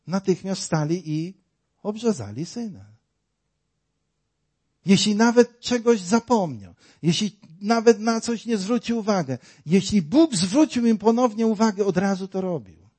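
A man's voice: high-pitched, animated, measured pace, darkish tone, husky. A man preaching a sermon, dramatic and full of rhetorical questions, acting out the voices in his story.

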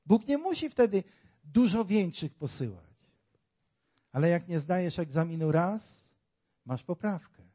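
Man, preacher, high voice, slow deliberate sermon, emphatic swells and soft asides, rhetorical questions. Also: expressive, slightly rough. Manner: emphatic, rising and falling between loud exclamations and quiet asides; talks directly to the congregation with rhetorical questions.

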